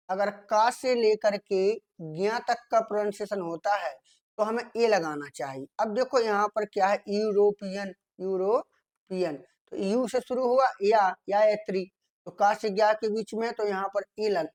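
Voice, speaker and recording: A man from India teaching a grammar lesson for an exam. He reads the sentences out slowly and keeps checking in with his students, asking and answering his own questions. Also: high voice. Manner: repeats "theek hai" often, asks and answers his own questions.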